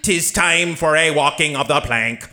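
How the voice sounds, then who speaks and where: A man voicing a mutinous male pirate robot who talks in gruff pirate speech. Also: on the high side, unhurried, sharp tone, faint music behind, heavily acted. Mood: rousing.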